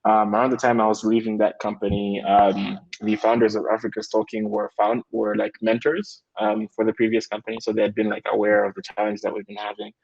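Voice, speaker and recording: A man's voice: fairly low pitch, brisk, vocal fry, few pauses, lo-fi sound. A young man from Malawi, a tech guest speaking casually in an interview with lots of fillers. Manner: relaxed, many fillers like "like" and "um".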